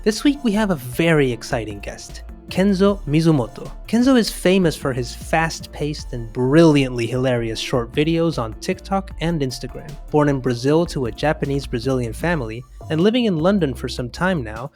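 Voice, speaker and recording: A man's voice: on the high side, lively intonation, moderate pace, hardly any pauses, a little mellow, faint music behind. A man hosting a podcast, reading an upbeat introduction, then asking questions with friendly stammers. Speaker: podcast host. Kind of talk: scripted intro, then interview chat.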